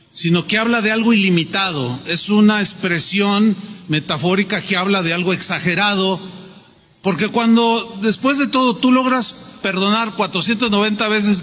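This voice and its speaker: A man's voice: high-pitched, long reverb tail, highs cut off. A man preaching a sermon, animatedly acting out the voices in a parable. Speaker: pastor.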